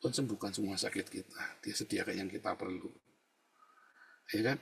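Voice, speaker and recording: A man pastor preaching a sermon in a chatty, storytelling way, often dropping to a low murmur and then rising into loud emphatic bursts. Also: brisk, creaky, a little hiss or hum. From Indonesia. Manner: conversational preaching, keeps adding "saudara ya". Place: the Netherlands.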